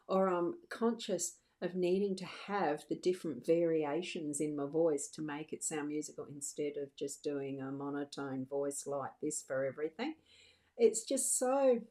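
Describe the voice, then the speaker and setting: A woman's voice: lowish voice, mellow. A middle-aged woman, a psychic medium, chatting reassuringly to viewers on a livestream, often restarting her sentences. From Australia. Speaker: psychic medium doing live card readings. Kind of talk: casual livestream chat.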